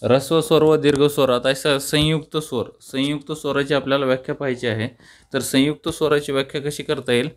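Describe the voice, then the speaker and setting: Teaching grammar, this young Marathi-accented man slows down on key terms and repeats them, asking questions only to answer them himself. He speaks in a mid-range voice with a steady tone.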